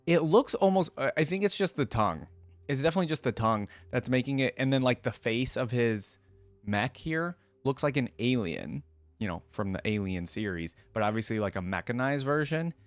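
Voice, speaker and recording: Brisk and expressive, a man with a mid-range voice reacts to game content in a video. He thinks aloud and offers casual, off-the-cuff commentary, captured in a dry recording.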